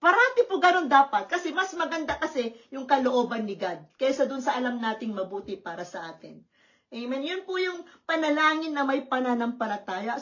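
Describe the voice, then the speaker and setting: A woman pastor preaching a sermon at a church service, lively and often checking in with the congregation. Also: high-pitched, dull audio. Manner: lively, questioning the congregation with tag words.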